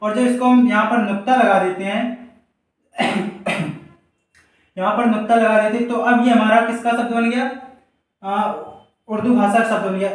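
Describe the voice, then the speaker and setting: A male Hindi teacher giving a board lesson for exam students, asking rhetorical questions and repeating example words slowly. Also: sits high. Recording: very echoey room, mic far off.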